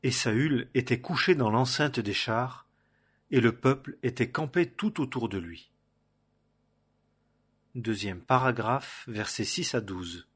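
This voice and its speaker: A man reading scripture aloud in a measured way, announcing paragraphs and verses. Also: medium pitch, a bit bright, husky. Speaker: scripture reader.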